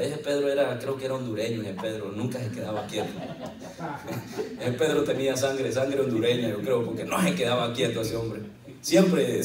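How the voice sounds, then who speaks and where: A man preaching a lively sermon as pastor, telling the story and quoting scripture with jokes along the way. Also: on the high side. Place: church hall. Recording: echoey church, mic at a distance.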